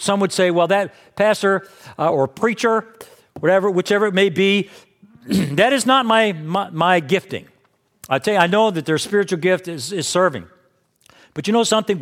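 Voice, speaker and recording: A man pastor preaching a sermon, reading scripture aloud and adding asides in a church. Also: high-pitched. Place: church sanctuary. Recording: long hall reverb.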